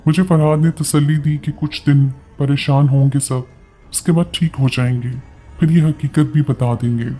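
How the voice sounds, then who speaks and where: Guy w urdu accent reading a story in first person, real dark mellow voice, soft music behind. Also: on the high side, steady tone, normal speed. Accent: Pakistani Urdu.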